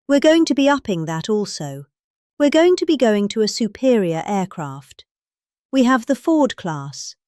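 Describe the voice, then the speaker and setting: A middle-aged British woman performs a theatrical parody reading of a political speech, her delivery exaggerated and emphatic. Her voice is medium-pitched and darkish, captured in clean studio sound with no room echo.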